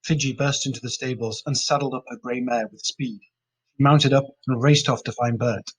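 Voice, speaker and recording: A man narrating a story in a steady, plain way. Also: mid-range voice, moderate pace, husky, poor audio. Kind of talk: storybook reading.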